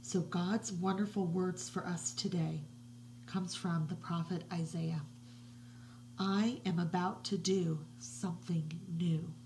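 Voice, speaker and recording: A middle-aged woman reads a picture book to children from her home, slow and hushed, sometimes dropping to a soft whisper. Her voice sits a little low with a gravelly edge. It is picked up by a webcam, with a faint hiss behind. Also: rough recording. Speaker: children's religious educator. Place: living room at home, indoors. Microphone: webcam at desk distance.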